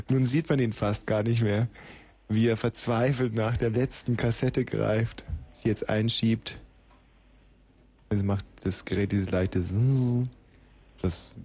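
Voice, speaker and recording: A man's voice: lowish voice, a little mellow. A man hosting live radio, joking and laughing as he narrates the studio chaos play-by-play. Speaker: radio host.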